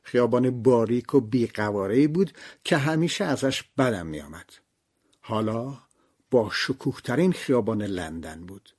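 A man reading a first-person memoir aloud as an audiobook, reflective, with his voice swinging between hushed and fuller passages. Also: mid-range voice. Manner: reflective, with wide shifts from soft to loud. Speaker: narrator.

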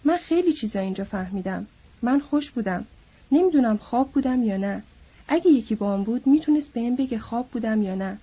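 A woman's voice: on the high side, lively intonation, warm tone, husky, muffled recording. A woman voicing a bitter, lonely older male stable hand who needles and then broods, in an audiobook. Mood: mournful.

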